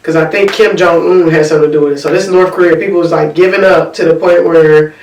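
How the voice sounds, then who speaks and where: A man's voice: on the high side, steady tone, fast, distant mic. A man co-hosting a podcast, talking in a casual, slangy and profane way and walking through statistics. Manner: loose, slangy and profane, explains with numbers. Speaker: podcast co-host. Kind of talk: casual chat. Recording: roomy sound, mic set back.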